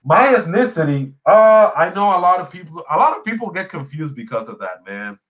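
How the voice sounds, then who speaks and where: A man from Puerto Rico talks a little fast in a high-pitched, sing-song, slightly bright voice. As a podcast host and small YouTuber, he chats casually with live viewer comments, telling stories emphatically and repeating phrases for effect, in a Puerto Rican accent shaped by Spanish as his first language.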